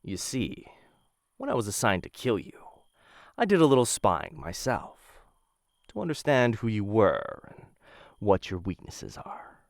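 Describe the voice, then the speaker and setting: In a boyfriend ASMR roleplay, a man plays a menacing assassin infatuated with the listener, speaking low, hushed and intimate into a close microphone with no echo. His low, gravelly voice swoops wildly in pitch, and his heavily acted delivery is a little slow. He sounds cool and explanatory, teasing and often slipping into whispers.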